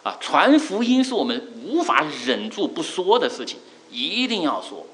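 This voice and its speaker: A middle-aged male preacher giving a sermon, earnest, repeating key phrases with drawn-out fillers. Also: a little high, huge pitch swings, a bit bright, rough recording.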